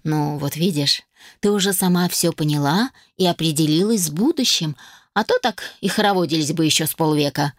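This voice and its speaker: A woman's voice: deep voice, a little fast, no room sound, close to an everyday voice. Lady playing a sneaky fairy girl, smug and teasing, dry close mic. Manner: teasing, smug, with soft giggles. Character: sly mischievous female fairy, teasing. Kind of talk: audiobook character voice.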